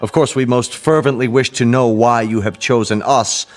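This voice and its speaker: In a radio drama, a male actor with a steady, mid-range voice plays a flustered senior diplomat, delivering formal public addresses that come out halting. The performance is lightly acted, with a formal yet anxious mood.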